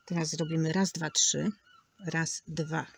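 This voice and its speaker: A woman's voice: sits low, flat delivery, takes it slowly, creaky, breathy edge, no echo. A woman teaching a crochet tutorial, patiently counting stitches aloud and sometimes dropping to a near whisper. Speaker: crochet instructor.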